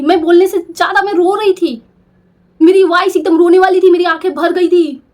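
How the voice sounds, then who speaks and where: Young woman storyteller with a high voice, emotional and self-reproaching. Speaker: storyteller vlogger. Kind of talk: personal storytelling.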